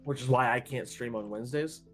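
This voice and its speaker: A man's voice: medium pitch, brisk. A man streaming a game and chatting casually, rambling with frequent restarts and self-deprecating asides. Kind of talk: casual chat while gaming.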